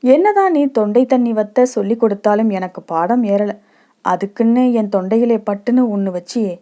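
A woman voicing a young village girl who fondly recalls childhood memories with her sweetheart, speaking in an affectionate, wistful way, with a mellow tone. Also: mid-range voice, expressive, moderate pace, close to an everyday voice.

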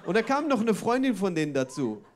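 Lively high-voiced male stand-up comedian. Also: fast talker. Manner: chatty, tag questions, wordplay. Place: comedy club stage.

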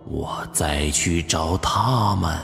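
A man doing a slow whispering hanged ghost. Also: vocal fry, big-room sound, soft background music, exaggerated voice. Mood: bitter menace. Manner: slow, low, hushed and partly whispered. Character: vengeful male hanged ghost, bitter and menacing.

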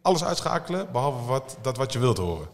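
Man, fight coach, former fighter, earnest explaining, casual interview, medium pitch, long reverb. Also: sing-song, fast.

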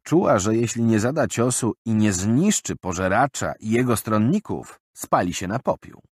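A man narrating a children's adventure audiobook, expressive and animated, in a studio. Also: on the low side, normal speed, breathy edge, no echo.

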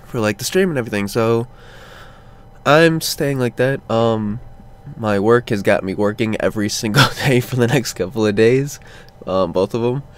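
A man's voice: medium pitch, moderate pace, smooth. A man who just woke up, talking drowsily and rambling through a casual vlog update from a cold room at home. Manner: drowsy and rambling, lots of ums and sighs. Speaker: vlogger.

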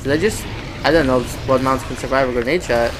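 A man giving casual let's-play commentary on a shooter game, excitable and self-mocking, talking to the game and repeating words in bursts. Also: mid-range voice, a little fast, background noise. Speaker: gamer playing a shooter game.

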